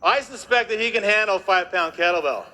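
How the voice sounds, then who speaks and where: A man energetically entertains a live audience on stage, cracking jokes and constantly asking tag questions. His voice sits high and he speaks fast.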